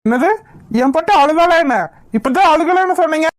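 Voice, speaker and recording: Doting cartoon dad: a woman plays a stern, protective young father with a high voice. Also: a little fast, dry recording, clean studio sound, close to an everyday voice. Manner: threatening, doting.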